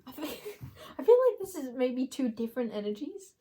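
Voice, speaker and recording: A young woman gives viewers an intuitive tarot card reading, musing aloud, giggling often and calling them "you guys." Her voice is high-pitched, dark in tone and very animated, at a moderate pace.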